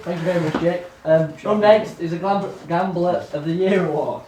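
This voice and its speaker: A man's voice: sits high, normal speed. A man co-presenting awards among friends, reading out nominees and quotes and giggling between them. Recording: echoey room from far off with noise.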